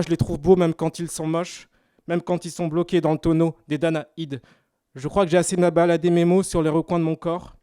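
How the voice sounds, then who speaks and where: A man's voice: fairly high pitch, dark tone, clear, resonant tone, dry recording, studio quality. A man from Paris with a Parisian French accent, performing rhymed slam poetry at a live exhibition opening. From France, Paris. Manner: rhythmic rhymed spoken-word delivery. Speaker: slam poet.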